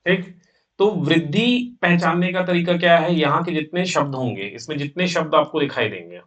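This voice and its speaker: A male teacher giving an exam-prep grammar lecture, slowly repeating and breaking words into parts. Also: fairly high pitch, animated, fairly bright tone, distant mic. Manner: slow, repetitive, drills words by sounding them out.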